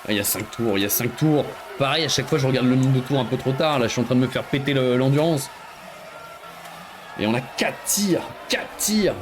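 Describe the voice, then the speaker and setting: A man giving live commentary on a video game he is playing, excitable and joking, often breaking into exclamations. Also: medium pitch, a little fast, noisy background. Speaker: streamer.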